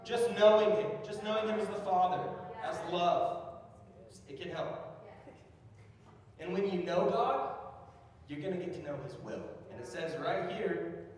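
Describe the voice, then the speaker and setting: A young man giving a casual, slangy youth sermon, building to loud emphatic peaks. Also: high voice, expressive, a little slow, pauses often. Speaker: youth speaker. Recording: distant mic in a very echoey hall.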